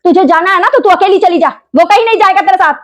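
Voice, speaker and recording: A woman playing a harsh, bossy middle-aged mother-in-law who scolds and shouts at her daughter-in-law. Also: very high-pitched, quick pace. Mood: angry scolding. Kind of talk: family skit acting.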